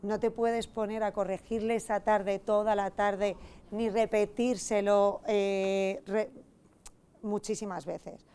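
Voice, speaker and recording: Gravelly-voiced woman giving calm advice. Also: medium pitch, slow pace. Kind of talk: casual panel chat.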